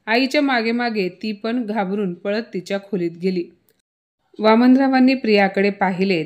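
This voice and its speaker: A woman narrating a moral story with a steady, expressive reading. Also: medium pitch. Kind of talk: scripted narration.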